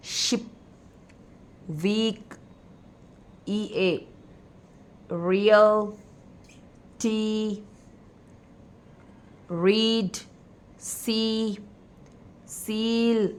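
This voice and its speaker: A woman's voice: fairly low pitch, slight background noise. A woman with an Indian accent teaching a phonics lesson, mixing Hindi and English and drawing out each word as she reads. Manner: drawn-out, stretched word reading; mixes Hindi with English words. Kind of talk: slow classroom-style phonics lesson.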